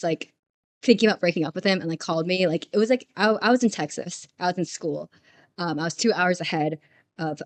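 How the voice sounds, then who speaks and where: Rambling young woman streamer, stammering restarts. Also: lowish voice. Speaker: livestreamer. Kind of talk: casual storytelling chat while drawing.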